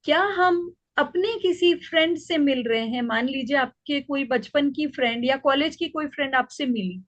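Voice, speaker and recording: High-voiced middle-aged woman coaching parents. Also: normal speed, dry recording. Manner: explains with everyday examples and asks listeners questions. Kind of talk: interactive parenting workshop talk. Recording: dull, slightly lo-fi dry recording.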